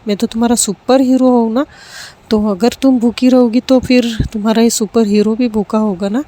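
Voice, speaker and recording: A woman voicing a gentle, playful middle-aged father in a spoken story, without lowering her voice. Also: steady tone, normal speed, close to an everyday voice. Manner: soothing.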